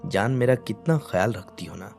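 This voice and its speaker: A man's voice: lowish voice, lively intonation, moderate pace, gravelly, a little mellow, faint music behind. A man voicing a young husband who grumbles but dotes on his wife. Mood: affectionate. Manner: grumbling, affectionate.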